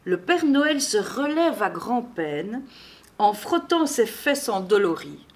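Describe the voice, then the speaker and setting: A woman reading a children's Christmas storybook aloud in an expressive, measured way. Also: mid-range voice.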